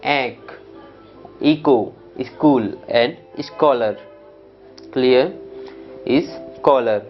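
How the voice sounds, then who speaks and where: A man teaching English pronunciation, reading out word lists one by one and often checking "clear?" with his students. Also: mid-range voice, muffled recording. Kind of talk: pronunciation lesson.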